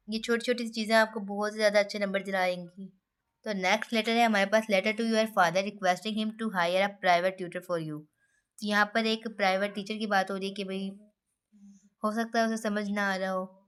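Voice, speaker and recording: A woman's voice: mid-range voice, smooth. A woman teaching an online English lesson in a chatty way, often turning to her students with playful asides.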